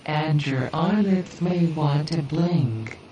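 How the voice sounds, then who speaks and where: Very slow, low-pitched woman guiding hypnosis, roomy sound. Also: mellow, dull audio. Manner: slow, soothing, deliberate delivery with long pauses. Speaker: hypnosis guide. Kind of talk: guided relaxation hypnosis script. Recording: roomy, distant, hissy background noise.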